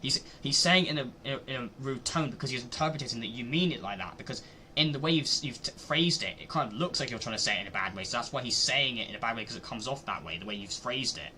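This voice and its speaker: A man's voice: medium pitch, quick pace, a little hiss or hum. A man streaming live, reacting to a video and arguing his point over and over. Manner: argumentative, repeats himself, gets loud when annoyed.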